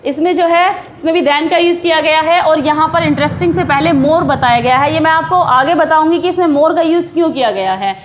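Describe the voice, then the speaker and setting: High-voiced woman teaching grammar. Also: a little hiss or hum. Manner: explains patiently, slowing down to read English examples. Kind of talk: classroom-style grammar lesson.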